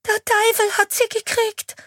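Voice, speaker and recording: A woman's voice: monotone, a little slow, a bit bright, no echo, clean studio sound. A sobbing terrified little girl. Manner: high wailing cries, broken sobbing words. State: crying, panicked.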